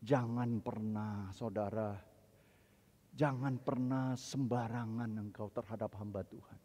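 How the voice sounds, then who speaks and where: A male pastor preaching a sermon, moving between quiet storytelling and loud, emphatic preaching. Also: fairly low pitch, steady tone, measured pace. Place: large church hall. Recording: reverberant church hall.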